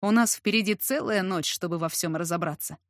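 A woman's voice: fairly low pitch, brisk, dry recording, clean studio sound, lightly acted. A woman voicing a brash, feverish young man. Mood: teasing. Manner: hoarse, at times whispering.

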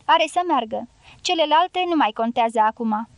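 A woman's voice: fairly high pitch, animated, no echo. A woman reading the part of a resolute young male dynamiter in an audiobook, speaking firmly and steadily.

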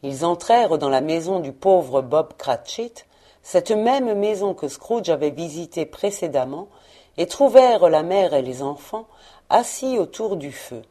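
Mellow-voiced woman reading a tale. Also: on the low side, animated, unhurried. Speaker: audiobook reader. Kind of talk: audiobook narration.

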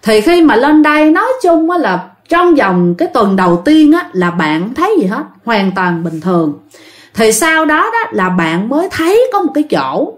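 A woman tells ghost stories in a casual, chatty way. Her voice sits fairly high and moves up and down a lot. She speaks straight to her listeners and fills her talk with little fillers. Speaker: ghost story narrator.

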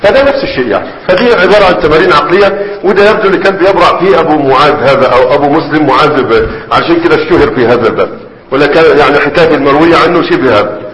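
A man's voice: fairly high pitch, a bit bright. A man with an Egyptian Arabic accent teaching grammar in a conversational classroom lecture, often checking in with his students. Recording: echoey hall, faint background noise.

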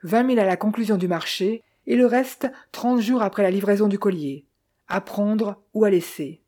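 A woman's voice: medium pitch, normal speed, mellow, natural voice. A woman reading the lines of a blunt, dismissive older businessman in an audiobook. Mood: curt. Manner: curt, dismissive.

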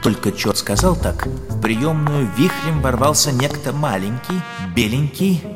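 A man narrating a folk tale in a measured, expressive storytelling reading. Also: mid-range voice. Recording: loud music underneath.

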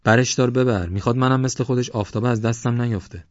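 A man's voice: on the low side, no room sound, dull audio, close to an everyday voice. A man voicing a bossy, angry rural police sergeant who barks orders in an audiobook. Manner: barking orders, harsh. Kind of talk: audiobook character voice.

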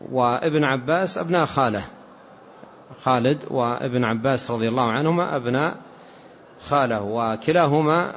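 A man teaching as a sheikh, explaining hadith in a measured way and repeating key points. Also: mid-range voice. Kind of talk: religious lesson commentary. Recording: dull lo-fi lecture recording with faint hiss.

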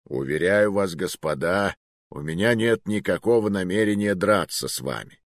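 A composed mercenary leader who gives orders coolly and evenly, with authority held in reserve, as voiced by a male narrator. The sound is dry and close, and the delivery is quite animated despite the calm. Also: low-pitched, moderate pace, no room sound. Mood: cool command.

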